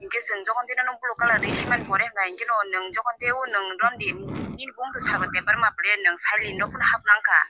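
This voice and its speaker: A man answering a prank call, chatting casually and quickly, heard over the phone. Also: high-pitched, sharp tone, muffled recording, a little hiss or hum. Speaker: person receiving a prank call.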